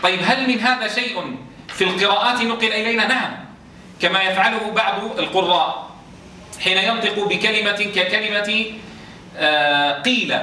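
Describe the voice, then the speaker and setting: Speaking step by step on the rules of Quran recitation, this male teacher stretches sounds slowly as examples and regularly tests his students with short questions. His voice sits high, bright and forceful, and the recording catches him from afar in an echoing room with a little background noise.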